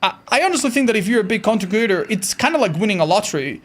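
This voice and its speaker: A man streaming a video game, chatting casually with his viewers in a slightly raspy, tired voice, animated and swearing freely. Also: high voice, racing. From Andorra. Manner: animated, swearing, answers chat while playing. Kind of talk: casual live-stream chat.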